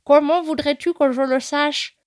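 A woman's voice: sits high, fairly even intonation, measured pace, no echo, clean studio sound, voice pushed up. A woman voicing an apologetic little sparrow with its mouth full in a storybook tale. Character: sorry little sparrow talking with food in its mouth.

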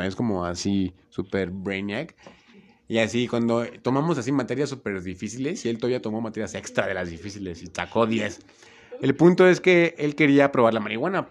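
Laughing Mexican guy telling stories. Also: fairly low pitch. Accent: Mexican Spanish. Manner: animated, laughing, acts out voices in his stories. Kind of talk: casual storytelling chat.

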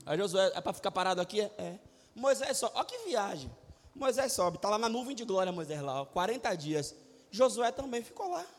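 A middle-aged man, preaching a lively, joking sermon from a church pulpit, breaking into sudden shouts and acted-out quotes. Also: high-pitched, brisk. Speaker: pastor. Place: church sanctuary. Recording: reverberant church hall.

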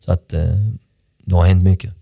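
A low-sitting male voice with a completely flat delivery, vocal fry and a dark tone, captured in a clean studio with no room sound. He's a sports director appearing as a podcast guest, looking back on his past in an earnest, reflective way and often restarting his sentences. Swedish isn't his first language.

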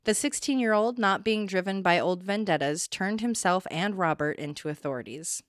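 A woman's voice: mid-range voice, normal speed, no room sound, clean studio sound. A woman hosting a true crime podcast, reading a scripted account and breaking in with blunt, opinionated asides.

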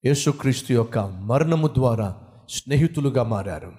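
A man's voice: medium pitch, expressive, moderate pace, mellow, long reverb tail. A man preaching a sermon, speaking emphatically, piling up repeated lists and addressing the listener directly. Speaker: pastor.

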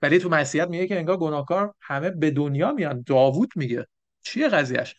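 A man's voice: fairly high pitch, lively intonation. A man leading a church Bible lesson, explaining step by step and often checking with the group. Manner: explanatory, asks the group questions. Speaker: Bible teacher. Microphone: microphone for an online stream.

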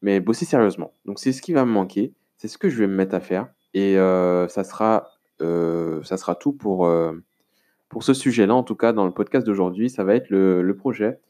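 A Frenchman with a low, mellow voice speaking at normal speed records a casual solo podcast. He rambles informally to the listener, full of fillers and restarts.

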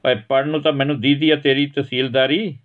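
A man's voice: mid-range voice, flat delivery, quick pace, narrow, tinny audio, pitched above the performer's own voice, natural voice. A man voicing an angry village father who harshly scolds his son in a storybook reading. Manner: harsh, shouting reprimands.

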